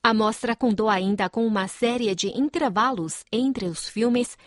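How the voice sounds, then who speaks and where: A woman narrating a news report in an even, measured reading voice. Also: fairly high pitch, no echo, clean studio sound.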